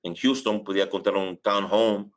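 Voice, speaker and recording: Telling his own story casually in an interview, this middle-aged New Yorker speaks Spanish with a voice on the low side and fairly even intonation. He pauses and hesitates a lot, dropping English filler phrases in as he goes.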